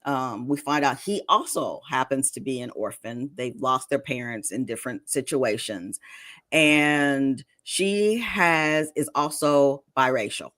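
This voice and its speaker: Low-pitched woman author, reflective and deliberate, close dry recording. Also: fairly bright tone, no echo. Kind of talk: podcast interview and book reading.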